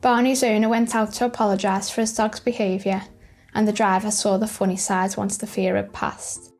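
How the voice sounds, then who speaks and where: A woman's voice: mid-range voice, level tone, normal speed. A woman reading scripted narration for light news video clips. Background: music.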